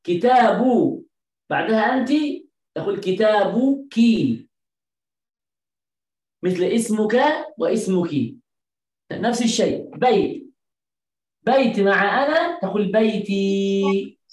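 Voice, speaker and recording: A woman teaching an Arabic class, explaining patiently with repetition and stretching out word endings slowly so students can hear them. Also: medium pitch, animated, darkish tone. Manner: slow, drawn-out enunciation of word endings. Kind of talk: language lesson. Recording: echoey room.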